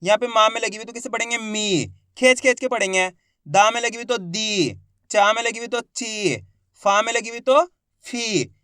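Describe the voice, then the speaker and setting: Guy teaching beginners online, high voice, super clear, dry close sound. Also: steady tone, fast talker, bright, forceful tone, dry recording. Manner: enthusiastic, repetitive, asks the viewer questions. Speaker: Hindi reading teacher. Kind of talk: online classroom lesson.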